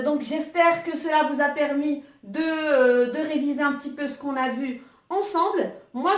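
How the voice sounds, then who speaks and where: High-voiced woman teaching, echoey room. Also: far from the mic. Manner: patient, with frequent hesitations. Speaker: Arabic teacher. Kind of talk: online language lesson.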